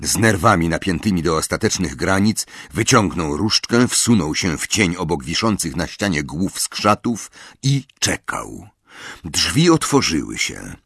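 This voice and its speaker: A man narrates a storybook with a husky, low voice. His pitch moves a lot as he tells the story expressively. The recording is dry and close. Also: very animated, unhurried, a bit bright, no echo. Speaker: audiobook narrator. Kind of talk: scripted narration.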